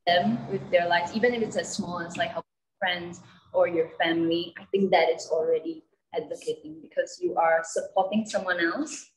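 A young woman on a press panel giving calm, reasoned advice. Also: on the low side, normal speed, slight background noise. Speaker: singer at press conference. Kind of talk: press conference answer. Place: indoor press event, panel at a table. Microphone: handheld mic. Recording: roomy echo.

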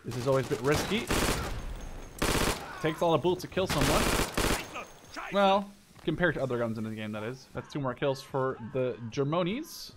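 Expressive and mid-range, this twenty-something gaming video host rambles casually through gameplay commentary at a moderate pace, pausing often, opinionated and emphatic with some swearing. The audio is very noisy, full of video game gunfire and clicks.

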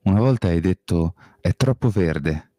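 A man reading an audiobook voicing an intense, brooding young male vampire in a soft, earnest, pleading way. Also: low voice, animated, a little slow, no echo, pitched above the performer's own voice. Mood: gentle.

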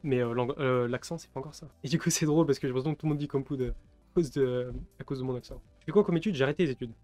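Brief: young French man in his 20s, rapid rambling streamer, chuckles a lot, dry close sound, faint music behind. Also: medium pitch, a little mellow, dry recording. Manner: rambling, laughs often, thinks aloud. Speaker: crypto live streamer. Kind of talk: casual live-stream commentary, answering chat.

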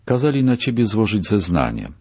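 A man's voice: lowish voice, sing-song, normal speed, a little mellow, slightly rough, muffled recording. A man doing a sheepish, talkative prisoner. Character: talkative guilty male prisoner, a simple miner.

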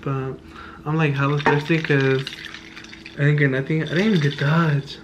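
A man's voice: a little high, flat delivery, moderate pace, lo-fi sound. A young man talking casually and playfully to a vlog camera, full of slang and campy asides. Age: young adult. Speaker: vlogger. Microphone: camera at arm's length or on counter. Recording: faint room and car noise.

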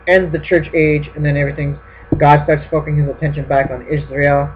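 A man's voice: fairly high pitch, flat delivery, brisk. Man preaching over a tinny line. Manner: explanatory, repeats "okay?" to check listeners. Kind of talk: sermon teaching on prophecy. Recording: tinny phone-like line with mains hum.

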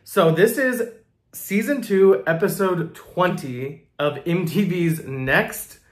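A young man hosting a casual reaction video, chatty and amused, quick to laugh. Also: high-pitched, roomy sound. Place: small home studio with plants.

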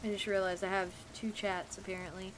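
A woman's voice: medium pitch, little pitch movement, a little fast, background noise. A woman streaming a game live, chatting casually and sarcastically, swearing now and then and rambling.

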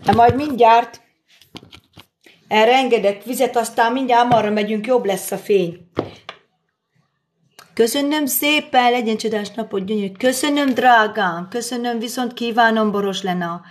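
A woman's voice: fairly high pitch, a little hiss or hum. A middle-aged woman chatting on a live stream while cooking in her daughter's kitchen, answering and thanking viewers as she works. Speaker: livestream host. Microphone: phone camera.

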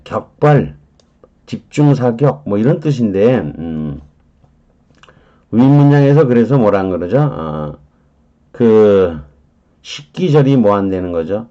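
A man gives an unhurried vocabulary lesson in a mellow, dark voice. He stretches his fillers and says English phrases slowly, one word at a time. The recording sounds a little dull and lo-fi. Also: lowish voice, big pitch swings. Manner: slow explaining with many drawn-out fillers. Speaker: English teacher.

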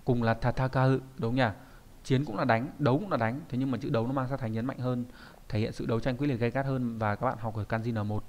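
A man teaching an online kanji lesson in a chatty, explanatory way, often pausing to check that his students follow. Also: medium pitch, fairly even intonation, darkish tone. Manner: explanatory, with frequent checking tags. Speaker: Japanese teacher.

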